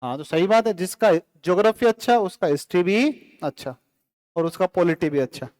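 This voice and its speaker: Male teacher, live classroom lecture, high voice, quick quizzing and banter. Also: expressive, a little mellow. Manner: quizzing students with quick questions and answers; casual, joking with the class.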